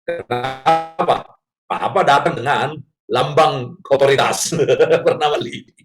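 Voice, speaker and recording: A man telling family stories as a guest on a parenting talk show, animated and acting out scenes, with an Indonesian accent. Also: medium pitch, measured pace, soft background music. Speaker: guest speaker, father.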